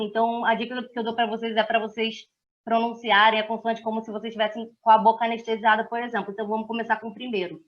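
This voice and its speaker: A woman's voice: a little high, muffled recording. A young woman with a Brazilian Portuguese accent giving a class presentation, explaining sounds patiently and repeating each one for listeners. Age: young adult. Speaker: student presenter.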